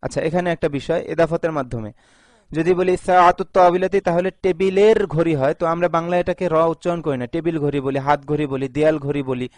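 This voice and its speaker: A man teaching an Arabic grammar lesson, reading each phrase slowly and repeating it before translating. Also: fairly high pitch, darkish tone, no echo.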